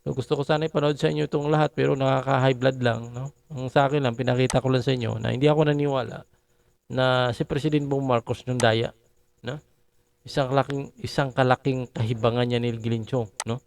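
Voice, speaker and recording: A man's voice: medium pitch, flat delivery, fairly quick, gravelly, darkish tone. A man giving rambling, opinionated political commentary and often ending phrases with a questioning tag.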